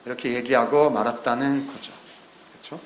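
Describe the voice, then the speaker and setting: A man preaching a sermon in a lively, conversational way, often asking the congregation questions. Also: mid-range voice, fairly quick, reverberant. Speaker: pastor. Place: church sanctuary.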